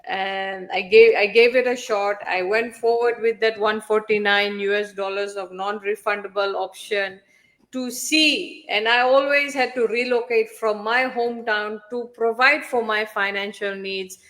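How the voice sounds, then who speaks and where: A woman's voice: mid-range voice, fairly even intonation, measured pace, fairly bright tone. A woman giving an earnest personal testimonial about herself. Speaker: speaker sharing her story.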